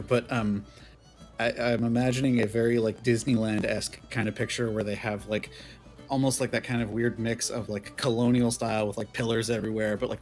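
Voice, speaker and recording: A man chatting casually and improvising as a player in a tabletop game. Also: medium pitch.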